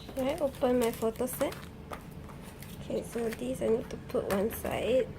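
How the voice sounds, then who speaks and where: Young woman unboxing stuff, kinda high voice, gets super excited, lots of hiss behind. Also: moderate pace, gravelly. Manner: excitable, gushing fan. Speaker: unboxing vlogger. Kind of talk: casual unboxing chat.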